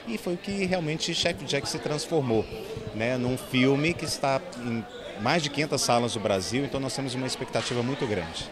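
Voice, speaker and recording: A man, a film producer, giving steady promotional interview answers outdoors at a premiere. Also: medium pitch, normal speed. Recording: crowd noise behind.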